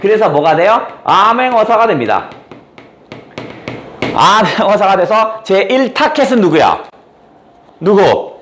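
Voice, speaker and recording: This male teacher's voice sits high and a bit bright, very animated yet a little slow, with frequent pauses and a slight hiss or hum in the audio. Recounting a story in class, he plays it casual, acts out the quotes, and teases students with mild swearing.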